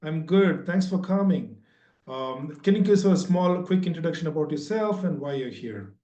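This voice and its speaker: A man's voice: a little high, expressive, normal speed, dark tone. Upbeat man hosting a webinar on a video call. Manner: upbeat, greets attendees by name. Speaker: webinar host. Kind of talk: casual online webinar hosting. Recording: roomy, distant, dull video-call audio.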